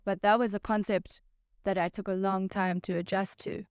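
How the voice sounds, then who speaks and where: A woman guest on a panel chat who speaks thoughtfully and hesitantly, with many pauses and ums. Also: medium pitch, level tone, clear, resonant tone, no echo, clean studio sound.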